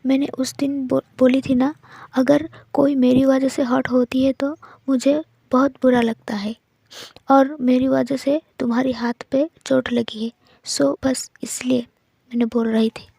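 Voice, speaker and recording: A woman voicing a caring, earnest young woman medical intern who talks gently and politely with concern. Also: high voice, little pitch movement, a little slow, creaky, breathy edge, no echo, full character voice. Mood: caring, gentle.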